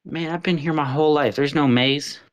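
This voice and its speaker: A man voicing a gruff, befuddled talking bush creature in a tabletop role-play, plain-spoken and puzzled. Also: a little high, normal speed, voice pushed up, close to an everyday voice. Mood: puzzled, matter-of-fact.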